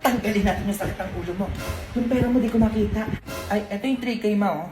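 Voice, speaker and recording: A woman's voice: medium pitch, steady tone, fast talker. A woman acting out a comedic family sketch, switching between a nagging mother and her child, over background music in an echoey room. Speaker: comedy skit creator. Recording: roomy echo with background music.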